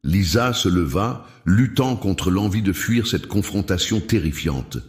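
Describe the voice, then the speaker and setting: Man, storyteller, dramatic narration, very deep voice, echoey room. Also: expressive. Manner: slow, suspenseful storytelling. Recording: roomy echo.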